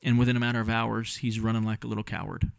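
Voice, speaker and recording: A man's voice: fairly low pitch, level tone, quick pace, gravelly, clean tone, no room sound. A male pastor giving a conversational sermon and acting out scenes in different voices.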